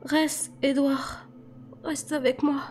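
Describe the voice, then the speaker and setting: A woman reading aloud voices a weak, drowsy teenage girl who speaks softly and slowly. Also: high-pitched, steady tone, faint music behind, pitched above the performer's own voice. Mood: murmuring. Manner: soft, slow, murmured.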